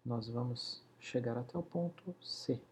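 A man slowly guiding a hypnosis session, counting down in a soothing voice that often sinks to a whisper. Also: medium pitch, a little mellow, slight background noise. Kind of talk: guided hypnosis induction.

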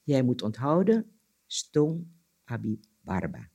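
A man voicing a sly, boastful male spider trickster in a spoken folk tale, scheming and quick to anger. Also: sing-song, warm tone, husky, full character voice. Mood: wheedling. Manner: scheming, then shrill and furious.

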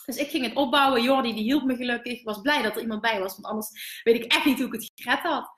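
A Dutch woman in her thirties, a business coach hosting a live stream, who tells candid, animated stories and swears now and then. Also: on the high side, fast, reverberant. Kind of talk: live stream storytelling to viewers.

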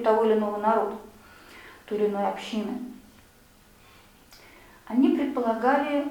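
The fairly high, slightly mellow voice of a woman comes from far away in an echoey room. She's giving a lecture and fielding questions, conversational and explanatory, with plenty of fillers.

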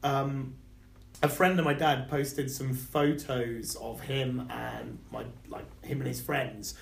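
A young man talking as a podcast guest at a live show, rambling and self-deprecating, with a jumpy pitch. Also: fairly even intonation, slow, vocal fry, a little hiss or hum. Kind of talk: live podcast chat before an audience. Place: live music venue room. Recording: echoey live venue room.

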